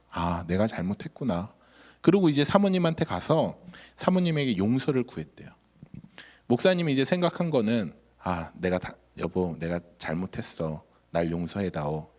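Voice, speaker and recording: Male pastor preaching with lively intonation. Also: mid-range voice. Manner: storytelling with rhetorical questions to the congregation. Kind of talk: sermon.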